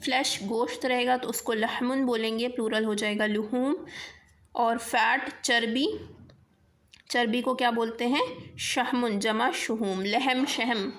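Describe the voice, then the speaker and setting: A woman teaching a vocabulary lesson in speech, dictating word pairs slowly and checking in with the class. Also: fairly high pitch, fairly even intonation, fairly bright tone. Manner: slow careful dictation of word pairs, frequent rising checks.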